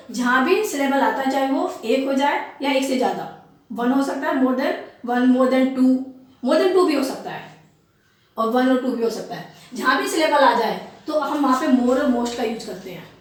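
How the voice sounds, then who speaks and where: Woman teacher, high voice, slow patient explaining, repeats examples, very echoey room, mic set back. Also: expressive, recorded from a distance. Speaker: English teacher. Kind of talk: classroom grammar lesson.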